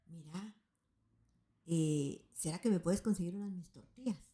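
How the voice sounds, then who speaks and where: A man's voice: high-pitched, unhurried, mellow. A woman doing a coaxing old father. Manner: coaxing, making promises. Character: poor older father asking his daughter for tortillas.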